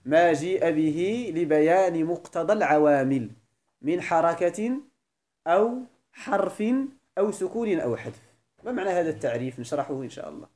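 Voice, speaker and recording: A man with a Moroccan Arabic accent, teaching a grammar class as a sheikh. He asks his students questions and repeats each definition slowly. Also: sits high, darkish tone. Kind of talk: classroom lecture.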